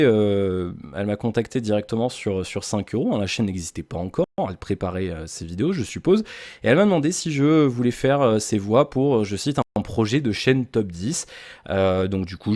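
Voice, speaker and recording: Halting low-voiced man talking to viewers. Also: a little mellow, no room sound, clean studio sound. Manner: halting, many restarts, wry asides; direct address to viewers. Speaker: voice-over artist. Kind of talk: casual explanatory vlog.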